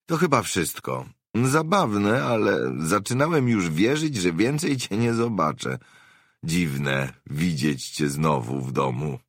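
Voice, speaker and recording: A man's voice: low voice, very animated, slow pace, no room sound, clean studio sound, exaggerated voice. A man voicing a weary, hard-drinking middle-aged brother, speaking up in a raised, earnest voice in an audiobook.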